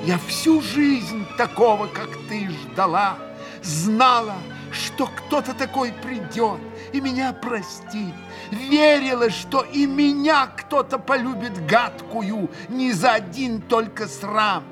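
A man's voice: high-pitched, lively intonation, slow pace, music in the background, voice pushed up. A man reading an audiobook, voicing a proud, passionate young woman who swings into hysterical outbursts. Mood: anguished pleading. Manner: fierce, sobbing outbursts.

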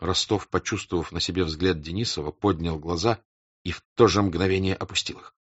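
A man narrates a classic novel with a measured, expressive delivery. His low voice is husky and moves a lot in pitch. The recording sounds dull and dry. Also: no room sound. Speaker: audiobook narrator.

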